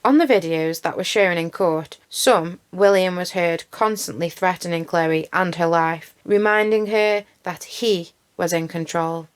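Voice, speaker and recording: A woman's voice: on the low side, a little slow, hardly any pauses, clean tone. A woman hosting a true crime channel, recapping a case with outraged, emphatic commentary and swearing.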